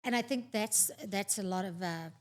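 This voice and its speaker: A middle-aged woman from New Zealand, co-hosting a casual talk show and telling stories in an animated, chatty way. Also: mid-range voice, moderate pace. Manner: animated storyteller, chatty and expressive. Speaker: podcast co-host. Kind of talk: casual chat.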